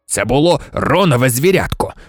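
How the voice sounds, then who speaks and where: A man doing a calm, low-voiced teacher. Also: moderate pace, no echo, studio quality, soft background music, lightly acted. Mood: earnest. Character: calm, earnest middle-aged male teacher.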